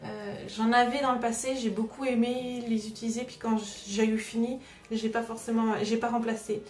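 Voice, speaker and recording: A woman's voice: a little high, little pitch movement, normal speed, darkish tone, far from the mic. A woman hosting a casual craft unboxing vlog, chatty and hesitant, with many filler sounds. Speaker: craft vlogger host. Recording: roomy echo, voice away from the mic, music behind. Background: background music.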